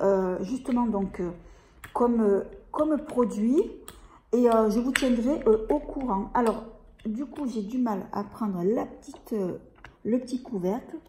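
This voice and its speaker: A woman with a fairly high but mellow voice chats through a beauty unboxing. She hesitates often, trailing on fillers and starting phrases over. The room around her is echoey. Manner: hesitant, many fillers and restarts. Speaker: beauty vlogger. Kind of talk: casual product unboxing.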